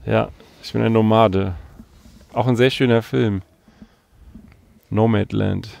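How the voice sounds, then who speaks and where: A man's voice: lowish voice, steady tone, takes it slowly, creaky, a little mellow. A man from Berlin hosting a casual podcast chat from inside a parked van, teasing his co-hosts with playful introductions. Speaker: podcast host. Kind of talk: casual chat among friends.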